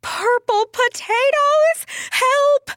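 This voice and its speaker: Woman doing a clumsy little magic hoofed girl, high bright exclaiming voice, storybook. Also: drawn-out words, no echo, studio quality, full character voice. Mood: startled. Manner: bright, exclamatory, easily startled.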